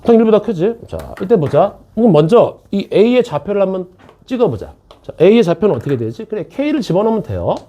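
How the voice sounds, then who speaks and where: Male math teacher lecturing a class, very animated swings in pitch and a mellow, slightly husky tone, chatty and playful with students. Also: fairly quick, highs cut off. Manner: chatty, jokes with students, keeps checking in.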